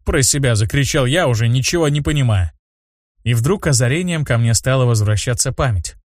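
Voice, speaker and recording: A man narrating a first-person fantasy audiobook in a lively, expressive manner. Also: medium pitch, fairly quick, no room sound, studio quality.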